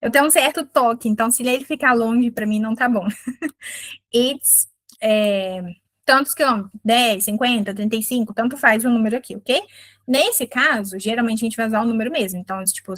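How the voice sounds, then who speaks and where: A woman's voice: fairly high pitch, a bit bright, dry recording. Brazilian woman teaching English, dry sound. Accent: Brazilian Portuguese. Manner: explains patiently, says English example phrases slowly and clearly. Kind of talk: online English lesson.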